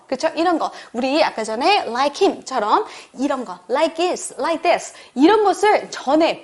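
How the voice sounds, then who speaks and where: Animated woman teacher, high lively voice. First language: Korean. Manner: modeling English sentences slowly and emphatically for learners to repeat; lively, animated explanations with rhetorical questions. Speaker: English teacher. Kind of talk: online English lesson.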